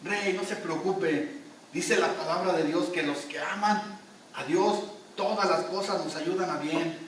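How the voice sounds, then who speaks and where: Calm faithful servant guy , preacher doing him, soothing, lots of room echo. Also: high voice, measured pace, slight background noise. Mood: reassuring. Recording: echoey church hall, distant mic.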